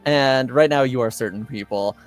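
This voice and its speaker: Acting as game master for a tabletop roleplaying game, a man improvises the narration, pausing haltingly while he hunts for words. His voice sits in the mid range.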